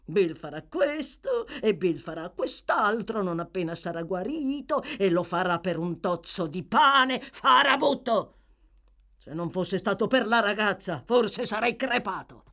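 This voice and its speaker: A woman's voice: medium pitch, lively intonation, unhurried, hardly any pauses, fairly bright tone. A woman doing a snarling surly thug. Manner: snarling, contemptuous. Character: sick surly male thug, growling and bitter.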